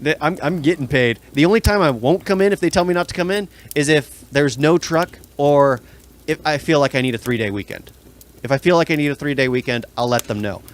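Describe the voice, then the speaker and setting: A man's voice: a little high, fairly quick. A man co-hosting a podcast, talking in a blunt, rambling way and complaining about his coworkers in a casual chat. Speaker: podcast co-host.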